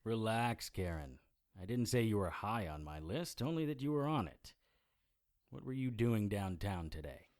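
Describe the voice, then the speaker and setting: An actor playing a wry, deadpan supernatural private eye who narrates his own audio drama in a hardboiled style. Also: on the low side, moderate pace. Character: dry-witted male private investigator narrator. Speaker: narrator and lead character.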